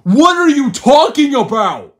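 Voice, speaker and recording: A man's voice: very high-pitched, sing-song, unhurried, voice pushed up, exaggerated voice. A man voicing a nervous, easily confused newcomer bear plush in a homemade plush show. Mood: puzzled.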